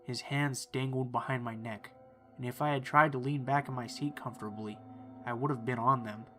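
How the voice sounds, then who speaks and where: A man reading first-person horror stories in a calm, measured storytelling voice. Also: medium pitch, faint music behind. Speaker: narrator. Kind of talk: scripted horror narration.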